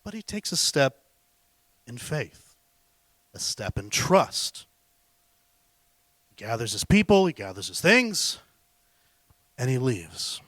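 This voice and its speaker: A man's voice: mid-range voice, big pitch swings, slow pace, long pauses, no echo. Dramatic male storyteller on stage. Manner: dramatic, swings between loud and hushed. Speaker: public speaker.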